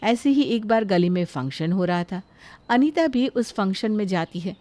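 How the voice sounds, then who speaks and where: A woman narrating a moral story in a steady, scripted storytelling manner. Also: mid-range voice, normal speed, no echo.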